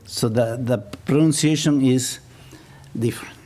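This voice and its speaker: This middle-aged Ecuadorian business professor, whose first language is Spanish and whose accent is Ecuadorian, delivers a public lecture with self-mocking humor, chuckling at his own jokes. His mid-range voice is a little slow and a little mellow.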